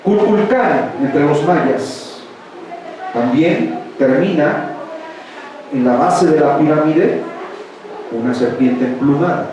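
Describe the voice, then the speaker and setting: A Mexican pastor with a Mexican Spanish accent and a fairly high voice preaches a sermon slowly, with long pauses, firing rhetorical questions at his congregation. The recording is from a large, echoey church hall with a distant mic, so the congregation and background noise are audible.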